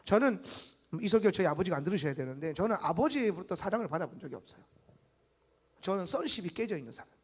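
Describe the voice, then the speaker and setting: A middle-aged man preaches a sermon in a high-pitched voice. He shifts from loud exclamations to soft, confiding asides and acts out the people he quotes in small voices. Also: big pitch swings, fast talker, husky, long reverb tail. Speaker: guest pastor.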